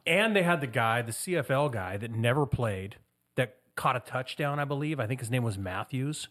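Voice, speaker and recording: A man co-hosting a podcast, prompting friends with shared memories in relaxed conversation. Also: medium pitch, moderate pace. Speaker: podcast co-host. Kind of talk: casual chat.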